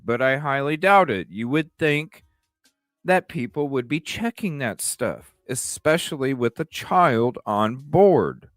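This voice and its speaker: This man hosts a livestream, speculating casually while repeating phrases and asking rhetorical questions. His pitch is fairly high, and the studio-quality audio has no room sound.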